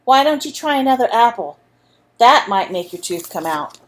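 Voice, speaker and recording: Fretful storybook mom, as a woman puts her on; high, sing-song and lively. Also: moderate pace. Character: fussing mother of a young boy.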